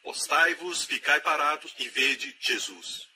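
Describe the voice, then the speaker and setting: A man's voice: fairly high pitch, lively intonation, slow pace, noisy background. A man preaching a sermon with emphatic delivery, repeating key phrases again and again and acting out the voices of the people he quotes.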